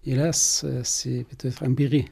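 A man from Palestine, answering interview questions slowly and haltingly in his living room. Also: mid-range voice, flat delivery, gravelly, warm tone, breathy edge. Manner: halting, searching for words. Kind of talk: radio interview.

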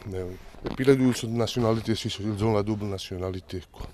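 A Bosnian man in his forties speaks French with a Bosnian accent, in a plain, down-to-earth way. His voice sits a little low. Steady noise hangs behind him in the car. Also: fast. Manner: plain-spoken, ends phrases with "quoi". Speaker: interviewee. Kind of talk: casual interview chat.

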